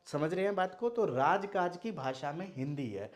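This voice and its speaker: Teaching Hindi online, a young man from Madhubani, Bihar, India, who first spoke Maithili, asks questions and answers them himself in an explanatory video lesson. His voice is a little high and animated, at a moderate pace.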